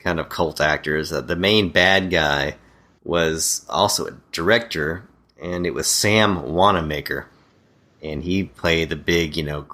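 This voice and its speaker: A man's voice: extremely low pitch, a little slow, pushed and bright. A man co-hosting a podcast, chatting casually and animatedly, retelling scenes and quoting lines. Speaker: podcast co-host. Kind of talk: casual chat about bad movies.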